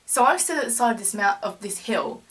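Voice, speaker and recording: A woman's voice: medium pitch, lively intonation, a little fast, fairly bright tone. Chatty woman telling a story. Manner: rambling, filler-heavy, laughs through the telling. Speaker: vlogger. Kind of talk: casual storytelling.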